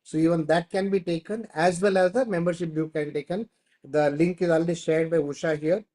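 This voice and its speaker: On an online video call, a man with an Indian accent hosts a training class, explaining material and answering questions while often repeating himself. His voice is a little high and dark in tone, with fairly even intonation and a fairly quick pace.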